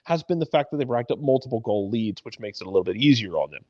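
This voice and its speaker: A fast-talking man with a warm, expressive mid-range voice gives casual soccer punditry on a talk show, using repeated phrases for emphasis. The audio is echo-free but slightly dull and lo-fi.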